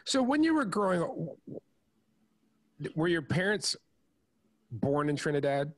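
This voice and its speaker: A man's voice: fairly high pitch, big pitch swings, measured pace, no room sound. A man hosting an interview, asking long searching questions that ramble as he thinks aloud. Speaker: interview host. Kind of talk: interview conversation.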